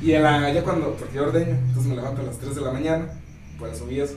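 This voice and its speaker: Mexican guy rattling off a story real fast, high voice, sounds far away and echoey. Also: a little mellow, soft background music. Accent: Mexican Spanish. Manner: rapid, swears while telling stories. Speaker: storyteller in group chat. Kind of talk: casual storytelling. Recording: roomy echo, distant mic, faint background noise.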